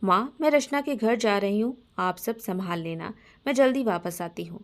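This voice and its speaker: A woman's voice: mid-range voice, expressive, normal speed, close to an everyday voice. A woman voicing a loyal young woman who earnestly defends herself to her friend. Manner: pleading, earnest.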